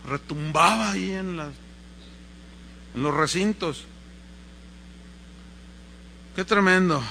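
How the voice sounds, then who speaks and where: Mexican man, pastor, sermon, lively storyteller, bright tense voice, faint noise. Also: sits high, measured pace, vocal fry. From Mexico, Guadalajara. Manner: animated storyteller acting out voices.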